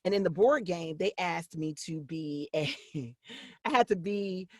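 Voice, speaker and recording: A woman voice-over actress talking about her career in an interview, animated and excitable. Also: fairly low pitch, measured pace, dry recording, clean studio sound. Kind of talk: casual interview talk.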